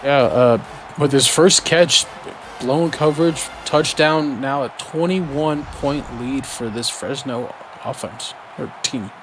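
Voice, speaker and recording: A man giving color commentary on a game stream, chatty and quick to react. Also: medium pitch, music in the background. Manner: conversational analysis, quick reactions. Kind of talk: sports commentary.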